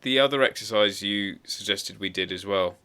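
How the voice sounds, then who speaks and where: A man's voice: on the low side, moderate pace, pushed and bright, clear, resonant tone. A male host chatting with a guest on a video-call interview, asking questions in a jokey, chatty way.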